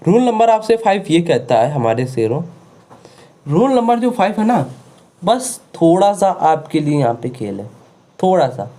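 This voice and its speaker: A man's voice: a little high, very animated, unhurried, mellow. A male teacher giving an online grammar lesson, who repeats words over and over and keeps asking rhetorical questions to check the class is following. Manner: repetitive, drilling words over and over.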